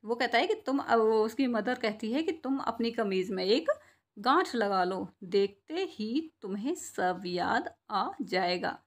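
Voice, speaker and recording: Higher-voiced woman teaching a kids' lesson. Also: animated. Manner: slow, drawn-out syllables when sounding out words; asks and answers her own questions, checks "clear?". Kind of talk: Hindi reading and spelling lesson for children.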